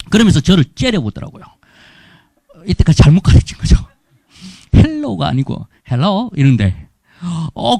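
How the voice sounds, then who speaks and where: A middle-aged man with a Gyeongsang Korean accent tells missionary stories from the pulpit with humor. His voice sits a little high and swings widely in pitch. The sound is dry and close, with little room echo. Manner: lively storytelling with humor. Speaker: missionary speaker. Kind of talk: testimony sermon. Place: church.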